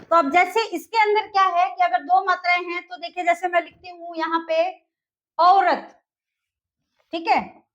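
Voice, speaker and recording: A woman's voice: extremely high pitch, a bit bright, rough recording. A woman teaching English, explaining step by step and asking the class questions she then answers herself.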